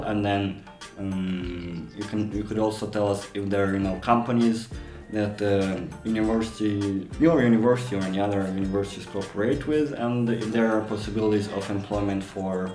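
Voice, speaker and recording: A man's voice: fairly low pitch, a little mellow. A man interviewing someone, asking long questions in a hesitant, wordy and roundabout way. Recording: roomy echo, music behind.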